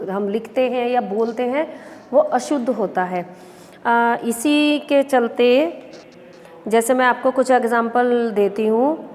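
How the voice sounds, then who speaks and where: Slow-spoken woman teacher in an echoey room. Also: on the high side, darkish tone. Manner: slow, patient explaining with repeated examples. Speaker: school teacher. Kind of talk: recorded online class lesson. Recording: long reverb of an echoey room.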